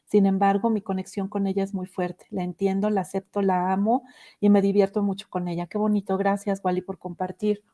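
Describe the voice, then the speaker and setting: Mellow-voiced woman hosting a livestream. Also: medium pitch, level tone, brisk. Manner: gentle, many "este" fillers. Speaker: live stream host reading viewer comments. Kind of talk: reflective live stream talk.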